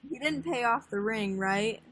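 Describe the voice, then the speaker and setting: 18 yr old girl, slightly raspy voice, talks slow and chill, swears a lot, casual livestream chat. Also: a little high, animated, fairly bright tone, no room sound, poor audio. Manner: laid-back, swears casually, laughs often. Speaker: livestream guest.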